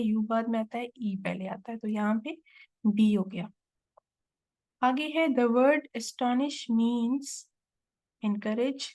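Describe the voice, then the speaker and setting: A woman teacher walks through exam questions. Her voice sits a little high and she takes her time, reading each English question with care before explaining it in Urdu-Hindi. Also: darkish tone. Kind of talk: test-prep lesson.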